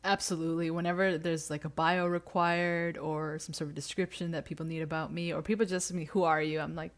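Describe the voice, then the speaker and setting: A woman guest on a video-call livestream, talking casually and straightforwardly with a few halting restarts. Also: deep voice, level tone. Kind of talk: casual chat.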